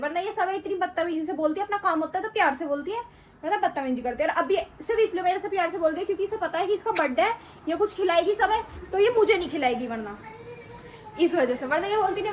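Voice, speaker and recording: A woman's voice: extremely high pitch, lively intonation, fast, a little hiss or hum. A woman in her late forties chatting casually through a family home vlog, scolding and teasing a child as she goes. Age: 40s. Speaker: family vlogger.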